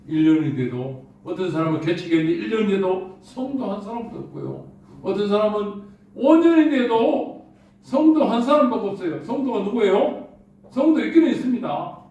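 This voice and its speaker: Pastor guy preaching, high voice that swings all over, super echoey church, mic far off. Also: slight background noise. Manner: rhetorical questions, lively preaching. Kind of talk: sermon. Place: church sanctuary.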